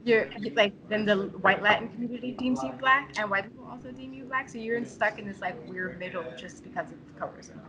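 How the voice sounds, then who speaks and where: A woman's voice: a little high, a little fast, hardly any pauses, a crowd in the background, poor audio. A woman from New York, a guest talking frankly and casually with lots of fillers. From New York, United States. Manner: frank and chatty, many fillers and restarts. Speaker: interview guest. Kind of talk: casual conversation.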